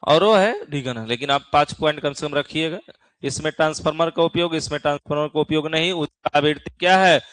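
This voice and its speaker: A man's voice: a little high, fairly quick, fairly bright tone, dry recording. Folksy Bihari male teacher, dry sound. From Bihar, India. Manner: folksy, keeps checking in with students. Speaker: physics teacher. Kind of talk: classroom exam-prep lecture.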